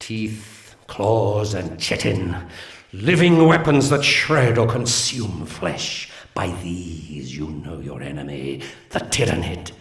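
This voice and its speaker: An actor voices a solemn, zealous alien elf war leader in a video game, giving mission briefings in grandiose, archaic oratory with a grim mood. His deep male voice moves slowly, in an echoey room with soft background music.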